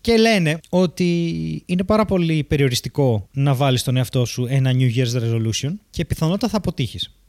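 A man's voice: mid-range voice, dry recording, clean studio sound. A man co-hosting a podcast, chatting casually and playfully. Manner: animated, playful, drops English phrases. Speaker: podcast co-host. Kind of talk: casual chat.

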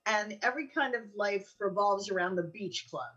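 An older American woman from Allenhurst, New Jersey, co-hosts with a chatty, joking manner, sharing casual anecdotes in conversation. Her medium-pitched voice is husky and fairly bright at a normal speed, recorded from a distance with lo-fi sound.

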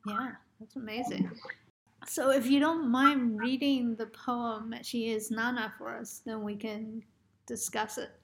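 A woman interviewer with a fairly high, bright voice asks polite questions. She keeps the guest going with brief encouraging responses. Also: fairly even intonation, a little slow, gravelly, a little hiss or hum.

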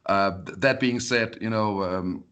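A man's voice: lowish voice, unhurried, a bit bright, clean tone, dull audio. A man from Denmark, a podcast guest, talking casually and often repeating words as he restarts sentences. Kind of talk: casual interview talk. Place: Colorado.

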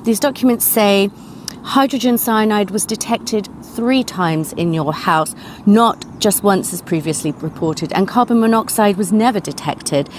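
A woman's voice: medium pitch, lively intonation, measured pace, a little hiss or hum. A woman reporter putting questions in a news interview.

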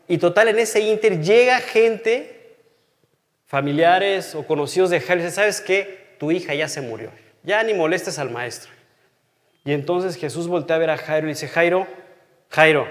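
A man, in his thirties or older, teaching from the Bible in a personal, conversational way. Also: a little high. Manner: earnest and personal, drops to a hush on key phrases. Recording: long hall reverb.

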